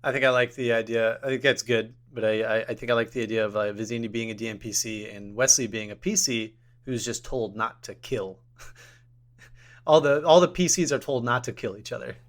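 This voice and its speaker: A man's voice: medium pitch, normal speed. A man co-hosting a podcast, chatting casually and agreeably about tabletop games, thinking aloud as he goes. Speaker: podcast co-host.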